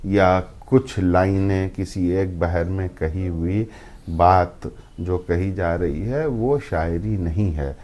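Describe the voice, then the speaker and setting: Low-voiced guy hosting, slow and thoughtful, lots of um and ah. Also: darkish tone. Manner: measured, hesitant with many fillers. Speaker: host. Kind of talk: interview.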